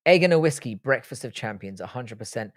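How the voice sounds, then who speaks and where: Brisk and lively in intonation, his mid-range voice comes through studio-clean without any room sound. The young streamer, born in Ireland and raised in the UK, takes viewer questions with coarse, blunt humor.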